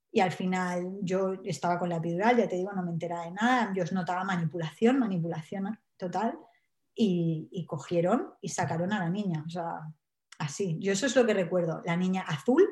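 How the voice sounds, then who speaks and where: A woman, nervous, telling her own story in an interview with halting speech and many restarts. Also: mid-range voice, a little mellow, roomy sound. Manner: halting, frequent tag questions and restarts. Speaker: interview guest. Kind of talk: personal storytelling.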